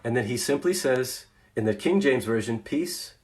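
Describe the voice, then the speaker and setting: A middle-aged man giving an informal faith-based talk on leadership as a consultant, quick at times and then slow and deliberate for emphasis. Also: medium pitch, lively intonation, a little mellow.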